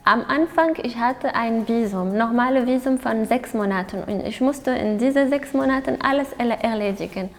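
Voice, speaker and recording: Female doctor, 30, from Tunisia; high, creaky, halting, in a reverberant hall. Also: faint music behind. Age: 30s. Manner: halting non-native phrasing with fillers. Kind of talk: documentary interview.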